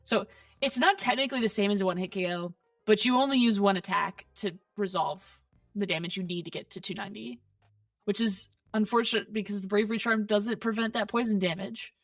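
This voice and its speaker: Female caster with a Southern US lilt, quick analytical play-by-play, a bit off-mic. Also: medium pitch, no room sound, far from the mic, soft background music. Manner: analytical, quick, playful asides. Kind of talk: esports game commentary.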